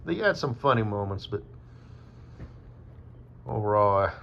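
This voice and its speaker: A man's voice: on the low side, expressive, measured pace, creaky, slight background noise. A man from Wyoming talking in a rambling, casual monologue, meandering with fillers and swearing. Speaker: vlogger. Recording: dull lo-fi with faint ambience.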